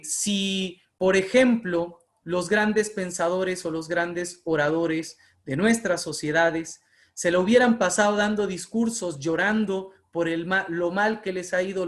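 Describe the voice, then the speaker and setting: A man's voice: high-pitched, a little slow. A man with a Mexican Spanish accent giving an impassioned online lecture on public speaking, building emphatic repeated phrases over a video call. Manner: impassioned, emphatic, rhetorical repetition. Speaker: oratory workshop speaker.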